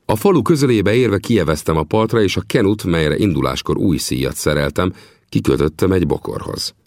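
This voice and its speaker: A man narrating a first-person adventure audiobook with expressive storytelling. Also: low voice, no room sound, clean studio sound.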